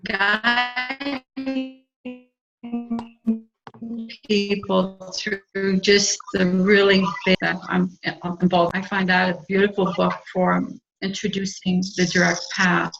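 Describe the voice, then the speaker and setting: A woman talking in a halting way over a video call, her audio breaking up on a weak connection. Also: mid-range voice, level tone, vocal fry, fairly bright tone, faint music behind. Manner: halting, searching for words. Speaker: meditation group participant. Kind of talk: casual discussion on a video call. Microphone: computer on a video call. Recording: dull, lo-fi call audio with faint noise and dropouts.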